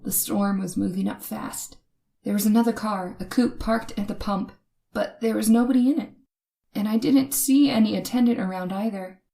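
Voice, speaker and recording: A mid-range, mellow-voiced woman, lightly acted with fairly even intonation at normal speed, plays a frightened young motorist describing her terror in an old-time radio horror drama. Tense, ominous and suspenseful, she gasps breathily and stammers hesitantly when scared, against a noisy recording with ambient effects.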